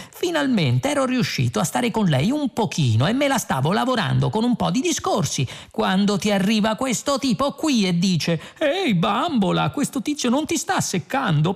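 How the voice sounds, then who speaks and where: A woman's voice: fairly high pitch, vocal fry, breathy edge, voice pushed up, full character voice. A woman voicing an indignant, stubborn ordinary Englishman who keeps pressing his point.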